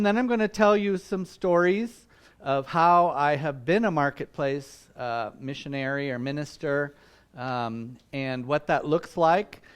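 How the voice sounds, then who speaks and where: A man's voice: fairly high pitch, smooth. A man in his sixties whose first language is Vietnamese, giving a friendly, conversational missions talk at church with many ums and uhs. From Vietnam and Malaysia. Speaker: visiting missions speaker. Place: church meeting room.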